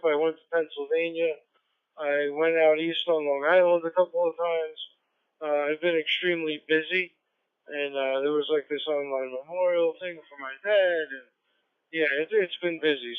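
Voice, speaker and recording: A man speaks over a ham radio transmission from his car. The sound is thin, tinny and dry, yet his fairly high voice comes through smooth and clear. He chats in a relaxed way, with small restarts. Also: no room sound. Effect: heard over a ham radio transmission. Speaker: ham radio operator checking in to a net. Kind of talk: casual radio check-in chat. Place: in a car on the road.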